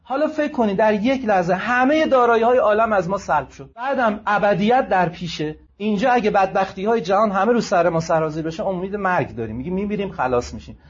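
Male preacher, husky voice, on the high side, declaiming sermon, muffled lo-fi recording. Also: lively intonation. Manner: declaiming, with slow measured Arabic recitation and quicker asides. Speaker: religious preacher reciting a martyrdom narrative. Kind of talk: sermon, reading Arabic passages and translating them. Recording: dull lo-fi recording.

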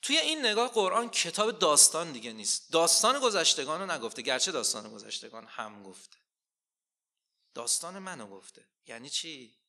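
A man preaching a sermon, asking rhetorical questions and slowly quoting scripture with rising emphasis. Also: on the high side, very animated, bright, forceful tone.

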